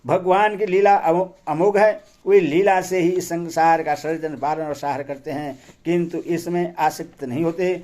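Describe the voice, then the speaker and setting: A man reads sacred scripture aloud in a devotional style, with a solemn, measured delivery. His voice sits a little high for a man, and he takes his time with each phrase. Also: fairly even intonation, a little mellow. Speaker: scripture reader.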